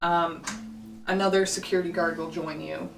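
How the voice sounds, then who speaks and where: A woman running a tabletop game as game master, relaxed and giggly. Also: lowish voice, moderate pace, creaky. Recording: roomy and distant with background music.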